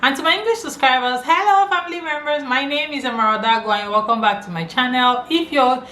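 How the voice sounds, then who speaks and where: A woman's voice: high-pitched, fast talker, pushed and bright. A woman with a Nigerian accent hosting an informal explainer video, speaking emphatically and repeating key phrases. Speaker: video channel host. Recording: echoey room, faint background noise.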